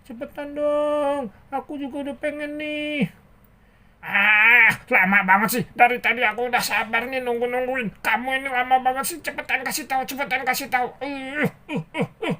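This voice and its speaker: A woman voicing an impatient, pushy child who nags loudly in a high voice. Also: steady tone, normal speed. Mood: impatient, nagging. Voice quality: high, loud and nagging.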